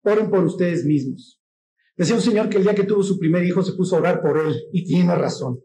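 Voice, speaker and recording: A man with a Mexican accent preaching a sermon in a lively, joking way, often acting out the voices of the people in his stories. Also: high voice, quick pace. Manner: mimics voices in quotes. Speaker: pastor.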